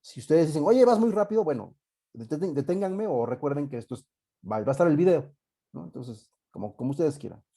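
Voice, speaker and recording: A man's voice: mid-range voice, lively intonation, brisk, gravelly, mellow, husky. A man with a Mexican accent giving a live online class as a university teacher, talking casually, thinking aloud with many fillers and joking asides.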